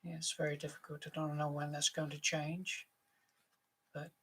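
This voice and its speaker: A woman hosting bingo, chatting casually and calling numbers in a deliberate, traditional rhyming style. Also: deep voice, level tone, fairly bright tone, slightly rough. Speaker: bingo caller and host.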